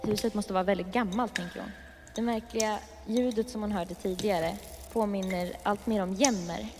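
A woman improvising a horror story, narrating scenes in a steady, descriptive way. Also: medium pitch, long reverb tail, over music.

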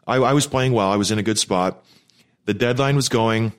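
A man's voice: fairly low pitch, a little fast. A man chatting casually and telling rambling stories, breathing through his mouth because of a broken, blocked nose. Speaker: podcast co-host, former pro hockey player. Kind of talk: casual chat, personal storytelling.

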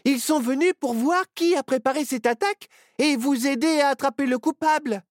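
Myrtille, a reader doing a bright excited little girl. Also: high voice, normal speed, no echo, studio quality, pitched above the performer's own voice, close to an everyday voice. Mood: earnest. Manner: breathless, eager exclamations. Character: excited young girl, bold, full of ideas.

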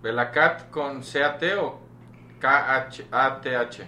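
A man's voice: medium pitch, slow pace, bright, forceful tone, slight background noise. A Mexican man co-hosting a casual podcast, teasing and full of slang. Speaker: podcast co-host. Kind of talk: casual chat. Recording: echoey room with clear chatter behind.

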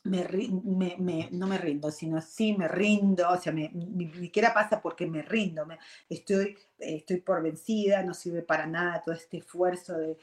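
A woman's voice: lowish voice, fairly even intonation, normal speed. A woman gives a reflective personal talk on meditation and emotions. She talks earnestly, restarts phrases often, keeps checking in with "ok?" and slips in English words. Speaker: meditation and self-growth speaker. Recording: roomy echo.

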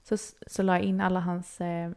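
Young woman, gravelly voice, casual podcast chat, acts out reactions. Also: lowish voice. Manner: animated storytelling, acts out her own reactions. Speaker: podcast co-host.

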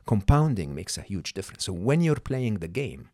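A middle-aged podcast guest, not a native English speaker, explains ideas emphatically in conversational coaching talk, frequently checking in with "okay?" and "hmm?". His lowish, slightly mellow voice swings widely in pitch at a normal speed, recorded in clean studio sound with no echo.

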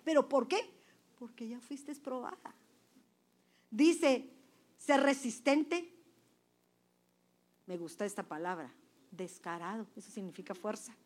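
A woman preaching a sermon to a women's church group, emphatic and quizzing her listeners with questions. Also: fairly high pitch. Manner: emphatic, swings between loud and soft.

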